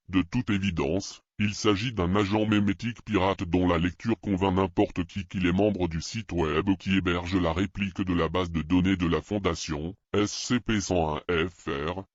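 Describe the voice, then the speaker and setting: A man narrates horror fiction in a very low, voice. His delivery is solemn and measured, like a formal reading of a script. The recording is slightly dull, with faint music underneath. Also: darkish tone, breathy edge, dry recording.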